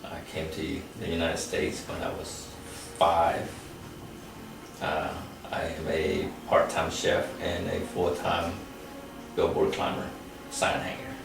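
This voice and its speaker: A man's voice: low voice, monotone, slow pace, gravelly. A man in his forties answering interview questions about himself in an easygoing, matter-of-fact way. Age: 40s. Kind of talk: personal interview. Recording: echoey room, from far off, music behind.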